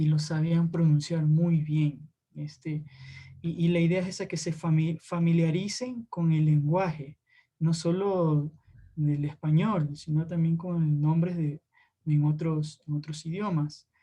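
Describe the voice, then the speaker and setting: Mellow-voiced male teacher, hesitant. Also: a little high. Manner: hesitant, many fillers and restarts, tag questions. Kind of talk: online class talk.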